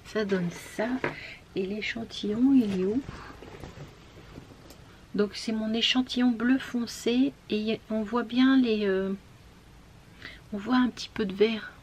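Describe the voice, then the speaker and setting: A woman chatting casually while showing her knitting, with many fillers, often trailing off into soft murmurs and whispers. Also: on the high side, fairly even intonation, takes it slowly, long pauses, slight background noise. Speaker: knitting vlogger.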